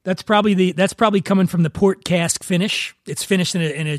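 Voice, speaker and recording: A man with a raspy voice, hosting a casual interview as a podcast host. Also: sits high, fast talker, no echo, studio quality.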